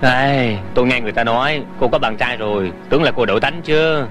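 A man's voice: mid-range voice, quick pace, a bit bright, natural voice. A man dubbing a teasing, caring young man. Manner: bantering and coaxing. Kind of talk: Vietnamese dub of a Hong Kong TV drama. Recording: dubbed voice over music score.

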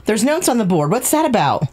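A woman's voice: fairly high pitch, sing-song, normal speed, a little mellow. A nervous, easily spooked woman chatting casually as she follows along with a horror game. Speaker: gameplay co-commentator.

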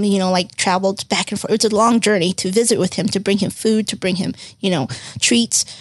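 A woman in her forties, born in Vietnam, telling her life story as a guest in a studio interview, animated and acting out what others said. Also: fairly high pitch, no echo. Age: 40s. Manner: animated storytelling, acts out quoted voices. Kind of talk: conversational interview.

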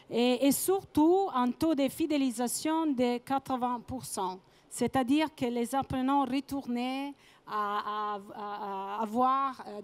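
A woman presents on stage in French as a second language, with a clear foreign accent. Her voice sits fairly high and moves slowly, with searching pauses and repeated words. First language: not French. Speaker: conference presenter. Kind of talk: public presentation. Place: trade-show conference stage, indoors. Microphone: handheld microphone.

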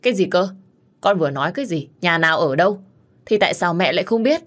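A woman voicing a spiteful, scheming middle-aged mother-in-law who shouts insults. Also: low voice, normal speed, husky. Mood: furious.

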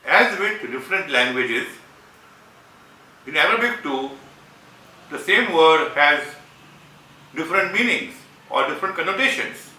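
A man giving scripted analytical commentary in a measured, explanatory way, leaning hard on key words. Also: a little high, sharp tone, far from the mic. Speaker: video essayist reviewing a debate. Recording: roomy sound from away from the mic.

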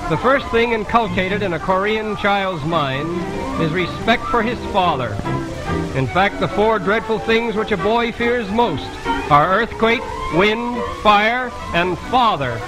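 A high-pitched male narrator with a wry, formal travelogue delivery, heard on an old 1930s newsreel soundtrack. Loud music plays under his voice the whole way through. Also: lively intonation, measured pace, rough recording.

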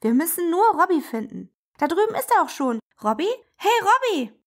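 A woman's voice: very high-pitched, brisk, voice pushed up, full character voice. A woman voicing a cheerful, eager little ICE train in a children's storybook. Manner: bright, animated and friendly.

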